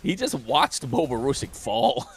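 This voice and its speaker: A man casting a mobile esports match live, with rapid, excited play-by-play calls and chants. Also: medium pitch, creaky. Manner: excited, fast-paced calls with wordplay. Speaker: esports caster. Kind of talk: play-by-play commentary.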